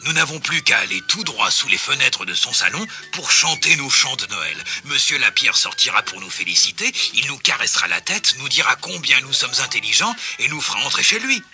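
A man voicing an eager, bold male pig who loves action and leads his friends loudly. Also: mid-range voice, sing-song, brisk, hardly any pauses, faint music behind, heavily acted. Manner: loud, enthusiastic, bossy. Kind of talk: storybook reading.

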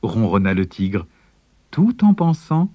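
A man narrating a storybook in a measured, expressive way. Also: lowish voice, dry recording, clean studio sound.

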